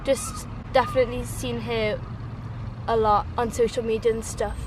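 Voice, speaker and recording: A sixteen-year-old British girl answering informally and brightly. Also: on the high side, level tone, moderate pace, background noise. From Britain. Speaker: interviewee.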